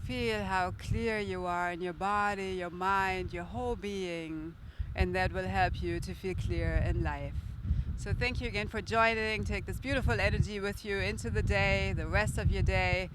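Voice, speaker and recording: A woman yoga instructor calmly guiding a breathing practice in a measured, soothing way. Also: mid-range voice, background noise.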